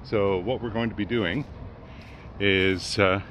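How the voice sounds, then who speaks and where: An older homesteading vlogger walks through his homestead project outdoors, holding a camera at arm's length and speaking slowly in a lowish voice. He's relaxed but hesitant, filling his narration with ums and uhs, and the lo-fi outdoor sound is dull with clear wind noise.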